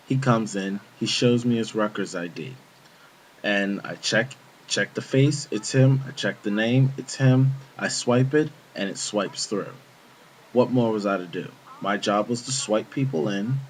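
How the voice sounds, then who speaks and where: A man's voice: lowish voice, slight background noise, poor audio. A young man casually telling a rambling story from his job, quoting himself and his coworkers as he goes. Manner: rambling, chatty, quotes himself and others. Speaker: vlogger telling a work story.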